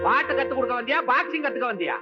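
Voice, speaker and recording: A man's voice: very high-pitched, lively intonation, racing, dull audio, over loud music. An actor playing a fussy, blustering middle-aged headmaster and father in an old film comedy. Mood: bossy. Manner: scolding, fussy. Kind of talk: 1980s film comedy acting.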